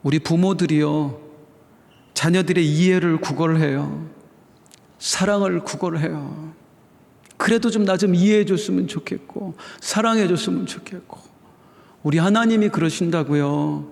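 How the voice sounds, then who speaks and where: Gravelly high-voiced pastor preaching in reverb. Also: male voice, measured pace. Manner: emphatic preaching, swings between high exclamations and soft pleading. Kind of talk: sermon. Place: church sanctuary. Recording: long church reverb.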